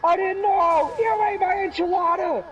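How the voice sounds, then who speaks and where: A man's voice: very high voice, steady tone, normal speed, recorded from a distance, highs cut off, a little hiss or hum, voice pushed up. A man voicing a manic, unhinged young man who screeches frantic outbursts, in a casual comedic retelling. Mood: shrieking.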